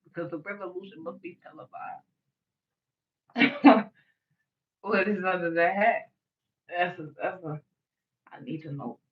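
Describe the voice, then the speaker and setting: On a late-night livestream, a Midwestern woman in her early thirties rants casually, rambling, blunt and profane. Her light voice is on the low side and steady, unhurried, with long pauses, and the highs are cut off in the recording.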